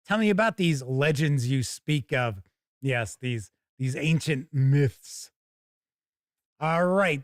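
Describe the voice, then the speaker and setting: On a tabletop gaming livestream, a chatty middle-aged host with a higher pitch rambles informally, swearing mildly as he chats and takes a first look at a product. The recording is dry and studio quality.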